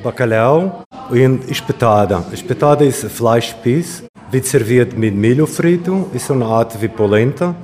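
A man from Madeira with a Portuguese accent, a chef giving short, halting interview answers with fillers in a restaurant. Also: medium pitch, a little mellow, big-room sound. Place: restaurant dining room.

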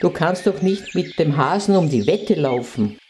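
A woman's voice: low-pitched, animated, moderate pace, warm tone, a little hiss or hum. A woman voicing a worried female hedgehog wife in a storybook reading, with a fretful, lamenting manner.

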